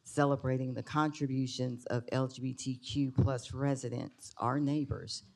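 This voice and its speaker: Creaky, mellow voice formally reciting a resolution. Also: medium pitch, steady tone. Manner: notary-like formal recitation, measured phrase by phrase. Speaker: county commissioner. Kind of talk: formal read-aloud of an official resolution.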